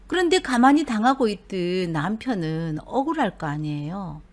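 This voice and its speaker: A woman's voice: mid-range voice, moderate pace. A middle-aged woman, telling a personal story and acting out what her husband and brother said. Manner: animated, acts out husband and brother in dialect.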